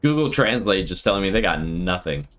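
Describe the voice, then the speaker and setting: A man streaming live and thinking out loud with casual commentary, laughing often. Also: deep voice, animated, brisk, faint music behind. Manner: thinking aloud, frequent laughter.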